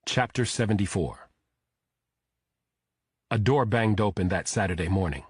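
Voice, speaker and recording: A man narrating a thriller audiobook in a steady, measured storytelling manner. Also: lowish voice, slightly rough, no echo, studio quality.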